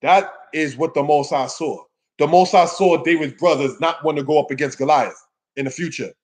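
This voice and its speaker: This religious teacher gives an informal Bible lesson to a congregation, pressing his listeners with emphatic phrasing and rhetorical questions. His voice sits on the high side with a darkish tone, and he keeps a moderate pace.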